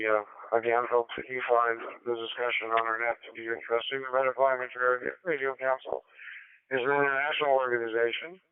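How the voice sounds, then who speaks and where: A man acting as net control operator on an amateur radio net, heard over a digital radio link, with a steady, procedural way of calling for check-ins. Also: mid-range voice. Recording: tinny narrowband radio audio, dry.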